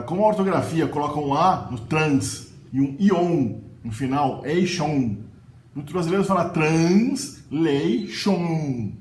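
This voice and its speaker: Brazilian man, language teacher, fairly high voice, echoey room, faint hiss. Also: darkish tone. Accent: Brazilian Portuguese. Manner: explains patiently, repeats example words slowly. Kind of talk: casual explanatory lesson.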